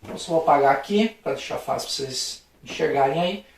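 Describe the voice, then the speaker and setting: A Brazilian male teacher talks through a lesson in a very echoey room, his voice a little above average in pitch. He keeps checking in with the class after each point, in a friendly, patient way. He is heard from some distance off the mic. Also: fast, creaky. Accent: Brazilian Portuguese. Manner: friendly, with frequent checking "tá?" tags; acts out a playful street-shouting example for stress. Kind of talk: recorded video lesson at a board.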